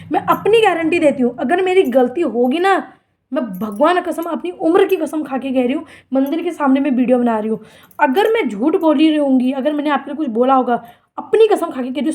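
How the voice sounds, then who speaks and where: High-voiced young woman, aggrieved. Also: darkish tone. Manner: aggrieved, pleading and defiant, repeats phrases. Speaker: vlogger. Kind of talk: emotional direct-to-camera rant. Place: outdoors in front of a temple.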